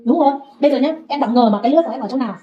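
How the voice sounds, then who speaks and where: A woman teaching Vietnamese, patiently saying sounds slowly for her student to repeat. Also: high voice, soft background music. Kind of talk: pronunciation drill lesson. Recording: dull lo-fi recording.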